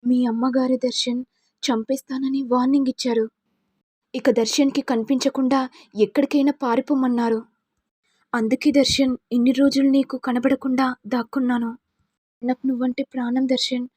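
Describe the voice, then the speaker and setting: A woman's voice: high voice, level tone, moderate pace, mellow, slightly rough, no room sound. A woman voicing a scheming, manipulative young woman who pleads and pities herself.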